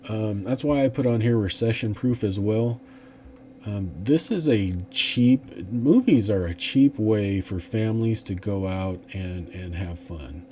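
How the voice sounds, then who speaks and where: A man's voice: on the low side, a little slow, dark tone, a little hiss or hum. A man hosting an investing channel, talking through stock picks in a casual, rambling way with many fillers and restarts. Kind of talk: casual stock analysis talk.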